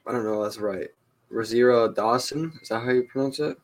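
A man's voice: mid-range voice, steady tone, very fast. A man co-hosting a casual fan podcast, opinionated and rambling, tagging his points with filler questions. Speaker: podcast co-host.

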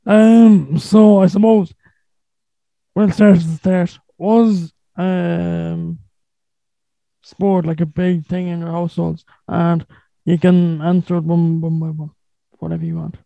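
A man's voice: sits high, level tone, slow pace, creaky, mellow, no room sound. A man with an Irish accent hosting a podcast and casually interviewing guests. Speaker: podcast host. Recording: phone-like, thin band-limited sound.

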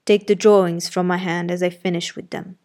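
A woman voicing a brusque, imperious middle-aged gentleman who questions sardonically and gives orders, read as audiobook character dialogue. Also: on the low side, level tone, brisk, lightly acted. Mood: brusque, commanding.

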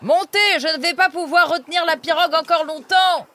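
A woman voicing an adult male fox boatman in a children's audio story, loud and a little teasing. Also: mid-range voice, animated, normal speed, pitched above the performer's own voice, natural voice. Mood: brisk.

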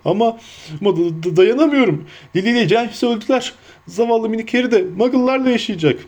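A man voicing a huge, bearded, gentle giant who speaks dutifully and breaks into sobbing stammers. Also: high-pitched, fast, pitched above the performer's own voice. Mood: tearful.

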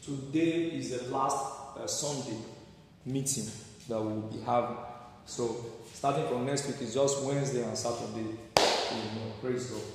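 A man's voice: medium pitch, a little slow, slight background noise. A man, a pastor, leading morning prayer from a pulpit microphone, urging the congregation with repeated phrases and questions. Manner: repetitive, exhorting, asks the congregation questions. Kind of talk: exhortation and prayer. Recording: echoey hall, distant mic, faint ambience.

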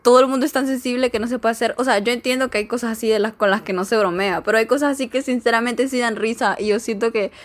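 A woman's voice: a little high, fairly even intonation, fast, hardly any pauses. A young woman, chatting casually as she reads jokes aloud, giggly and full of fillers. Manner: giggly, chatty, filler-heavy, mock-exasperated. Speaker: vlogger reading jokes.

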